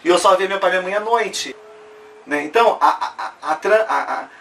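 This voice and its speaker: A woman's voice: fairly low pitch, expressive, a little fast, gravelly, fairly bright tone, a little hiss or hum. A woman tells her life story in an interview, earnest and emotional, often checking in with tag questions. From Brazil. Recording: distant mic with faint room ambience.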